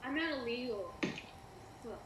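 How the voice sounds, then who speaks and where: A woman's voice: a little high, expressive, a little slow, fairly bright tone, a little hiss or hum. A woman playing Sonic as a young hero in training, giggling and teasing in live cosplay role-play over a call. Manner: giggly, playful. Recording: echoey live video call.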